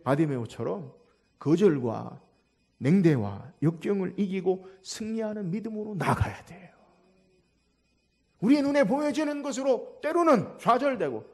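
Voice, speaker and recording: A man's voice: high voice, lively intonation, measured pace, gravelly, dark tone, slightly rough. A middle-aged man, a pastor, delivering a sermon with emphatic, rising exhortations.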